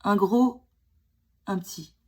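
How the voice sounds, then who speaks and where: A beauty vlogger in her forties, who has a cold, does her makeup at home while chatting casually in a makeup tutorial and joking about herself, with lots of fillers and restarts. Her voice is mellow and medium-pitched, and she talks slowly.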